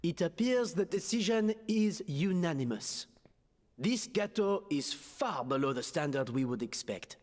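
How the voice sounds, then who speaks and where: A man voicing a grand, fussy cooking contest judge in a video game, announcing in a measured, theatrical way. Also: a little high, animated, darkish tone. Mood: solemn. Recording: reverberant game audio with music behind.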